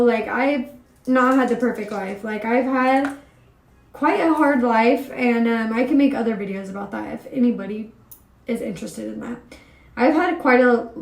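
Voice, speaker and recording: A woman's voice: a little high, darkish tone, reverberant. A young woman from California in a candid confessional vlog, talking openly and from the heart to her viewers. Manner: open, heartfelt, talks straight to viewers. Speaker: vlogger.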